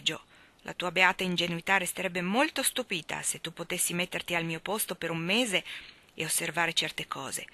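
A woman's voice: lowish voice, sharp tone, no room sound. A woman reading the lines of a playful, gallant young man in a storybook audiobook, bantering lightly. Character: young male gentleman, teasing, gallant.

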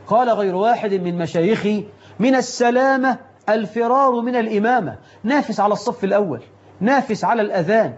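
A man with an Egyptian Arabic accent preaches a religious lesson on prayer, full of rhetorical questions. He switches between formal classical speech and everyday colloquial speech. His voice sits high, and the audio is a little dull and lo-fi.

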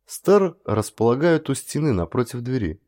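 A man reading a story aloud as narrator, in an even, measured storytelling manner. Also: mid-range voice. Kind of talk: scripted audiobook narration.

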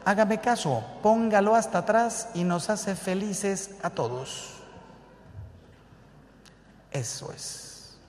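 A priest gives a sermon-style talk to a live audience, firing rhetorical questions and acting out both sides of everyday dialogues. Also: male voice, sits high, expressive, slow pace, long pauses, a little mellow, a little hiss or hum. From Mexico. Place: large hall with an audience. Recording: reverberant hall.

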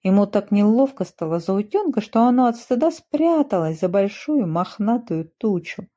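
A woman storyteller reading animal tales for children in a gentle, expressive way. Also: mid-range voice, normal speed. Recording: muffled dull recording.

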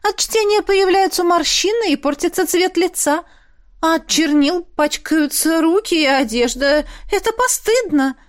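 A woman's voice: lively intonation, unhurried. A woman voicing a haughty young noblewoman concubine who turns whiny and frightened. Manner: high, haughty, then whimpering.

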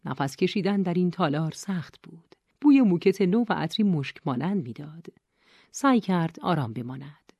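Low-voiced woman narrating an audiobook. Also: dry recording, clean studio sound. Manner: even, measured reading.

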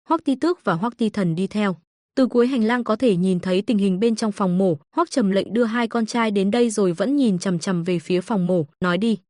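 A woman narrating a comic story in an even storytelling read. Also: mid-range voice, dry recording, clean studio sound.

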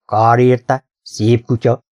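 A man reading an audiobook, voicing a lean, wrinkled old boatman who mutters softly with pity. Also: medium pitch, level tone, no room sound, close to an everyday voice. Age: older. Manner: soft-spoken, muttering.

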